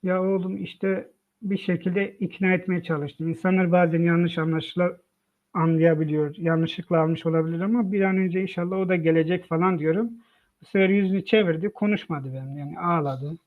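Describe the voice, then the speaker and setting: A man's voice: high voice, steady tone, brisk. A father telling of his family's hardship in an emotional personal testimony, retelling events by quoting what each person said. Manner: retells events by quoting dialogue, frequent "dedim" and "dedi" tags. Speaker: father of the child. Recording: tinny phone-like line from a live online broadcast.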